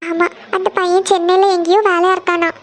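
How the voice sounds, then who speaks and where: A woman's voice: extremely high pitch, little pitch movement, fairly quick. A woman voicing a worried young cartoon woman, the eldest sister of a struggling family, who is crying as she pours out her family's troubles in a pleading way. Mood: tearful, worried. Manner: tearful, pleading, dwells on family hardship. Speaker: elder sister who gives tuition lessons.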